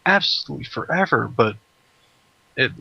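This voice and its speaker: A man in casual podcast chat, rambling with halting restarts. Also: mid-range voice, animated, gravelly, pushed and bright, slightly rough, dull audio.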